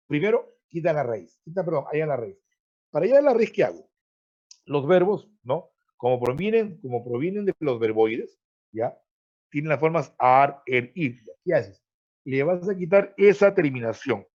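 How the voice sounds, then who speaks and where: Male online tutor, slightly high, keeps checking the class understands, muffled call audio. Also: darkish tone. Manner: explanatory, checks in with frequent "¿ya?" and "¿no?"; repeats words while searching. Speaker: teacher. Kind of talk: online pre-university grammar class. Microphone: video call. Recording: dull lo-fi video call audio.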